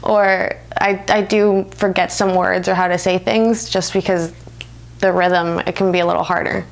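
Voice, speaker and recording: In a relaxed, reflective interview, an American woman in her twenties speaks at a moderate pace in a fairly low, gravelly voice with a steady tone. She keeps things informal and laughs often while talking.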